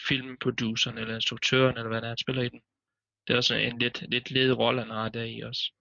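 Gravelly, bright-toned man adding film facts. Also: medium pitch, level tone, muffled recording. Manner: recalls details, adds film facts. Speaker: podcast co-host. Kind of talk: casual film chat.

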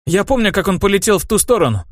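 Guy doing a sulky teen boy in an audiobook, higher voice, defensive, dry close sound. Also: big pitch swings, fast talker, no echo. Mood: agitated. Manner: defensive, sulky, raised pitch. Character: teenage boy, hot-headed younger brother.

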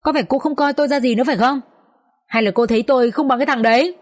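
A woman's voice: a little high, animated, normal speed, a little mellow. Woman reading as a slurring drunk husband. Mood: sneering drunk. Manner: slurred, sneering. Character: drunk, jealous, abusive young husband.

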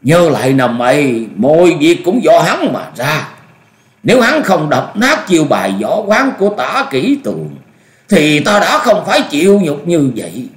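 A man voicing a bitter old male martial master who rages and gloats in a shrill, cackling voice. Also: huge pitch swings, slow. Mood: gloating. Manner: raging, gloating laughter. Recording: echoey room.

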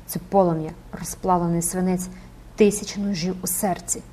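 A woman's voice: on the low side, fairly even intonation, normal speed, mellow, close to an everyday voice. Woman doing a desperate begging priest. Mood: pleading. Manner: pleading, begging intensely. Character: desperate middle-aged male priest, obsessed.

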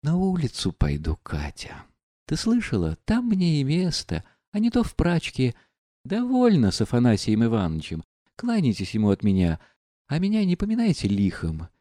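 A man's voice: medium pitch, huge pitch swings, normal speed, dark tone, dry recording, studio quality, voice pushed up. A man voicing a proud, defiant young woman. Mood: bitter farewell. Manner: raised voice, commanding and mocking. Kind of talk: audiobook reading.

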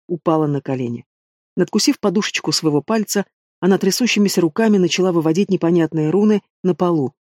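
A man narrating an audiobook in steady scripted storytelling. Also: fairly high pitch, no room sound, studio quality.

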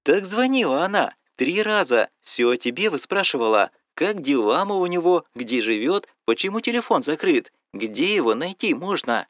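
A man's voice: a little high, big pitch swings, normal speed, few pauses, fairly bright tone, dry recording, clean studio sound. A man voicing a worried, nosy middle-aged mother in audiobook dialogue, fussing and asking question after question. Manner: fussy, coaxing, keeps asking questions.

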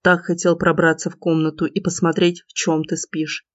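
A woman voicing a cocky young man who teases in a low, smirking murmur, in a dull, slightly lo-fi recording. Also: little pitch movement, moderate pace, no room sound, lightly acted. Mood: teasing. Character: cocky teasing young man, the heroine's lover.

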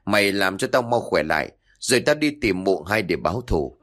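A man voicing a scheming old sorcerer who talks in a gruff, demanding way. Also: sits low, animated, normal speed, fairly bright tone. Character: scheming old male sorcerer, greedy for revenge.

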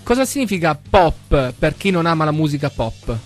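High-pitched male radio host. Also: big pitch swings, normal speed, soft background music. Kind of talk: live radio interview.

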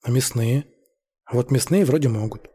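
A man voicing an excitable, boastful young man, in a husky voice. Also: medium pitch, moderate pace, big-room sound, close to an everyday voice. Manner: eager, boastful.

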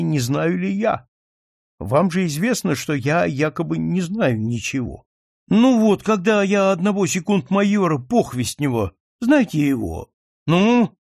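A man's voice: a little high, creaky, a little mellow, no echo, studio quality, pitched above the performer's own voice, full character voice. Man doing a timid flustered young son. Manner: hesitant, mumbling.

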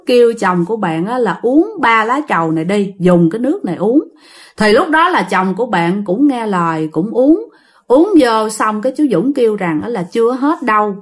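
A woman with a Southern Vietnamese accent telling a ghost story in a chatty way, addressing listeners directly. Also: mid-range voice.

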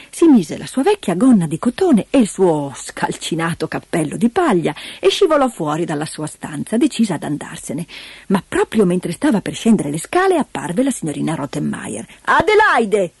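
Expressive woman reading a fairy tale. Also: lowish voice, gravelly, husky, no room sound. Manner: expressive, gently paced storytelling. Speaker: storyteller. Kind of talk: storybook reading for children. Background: background music.

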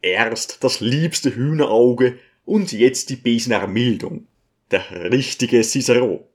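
A man's voice: medium pitch, takes it slowly, natural voice. A man voicing a pushy, scheming male guest who talks brusquely and insistently.

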